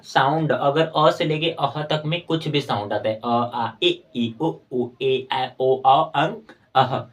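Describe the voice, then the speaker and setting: Man teaching English grammar. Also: mid-range voice. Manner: explains by repeating words, addresses viewers as friends. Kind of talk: classroom-style grammar lesson.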